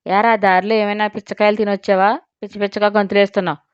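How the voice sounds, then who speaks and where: A woman's voice: medium pitch, level tone, fast talker, clean tone, no room sound, lo-fi sound, lightly acted. A woman voicing a serious, arrogant young man who speaks curtly in an audio story. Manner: serious, curt.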